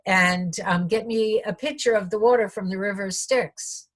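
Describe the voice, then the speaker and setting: A woman's voice: medium pitch, moderate pace, lightly acted. A woman storyteller voicing a cruel, haughty goddess who speaks in a scornful, commanding way.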